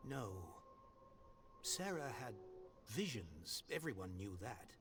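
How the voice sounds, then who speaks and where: An actor playing a stern, grieving older father who speaks in a formal, insistent, measured way. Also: mid-range voice, big pitch swings. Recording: noisy game audio.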